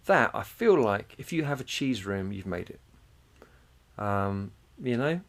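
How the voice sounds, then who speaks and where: A man's voice: lowish voice, lively intonation, measured pace. A man, co-hosting a casual podcast chat, swearing freely and chuckling as he talks. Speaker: podcast co-host.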